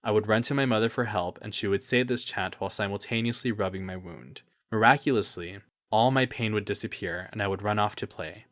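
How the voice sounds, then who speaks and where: Earnest, reflective man with a lowish voice. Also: fairly quick, fairly bright tone. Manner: earnest and reflective, openly emotional; loose, rambling asides between read passages. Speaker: podcast host. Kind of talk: personal podcast monologue.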